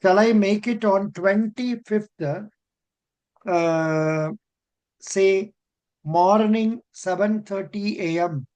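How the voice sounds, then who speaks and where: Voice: medium pitch, extremely slow, darkish tone. An older interview coach with an Indian accent, giving mock interview feedback in an encouraging way and often repeating phrases.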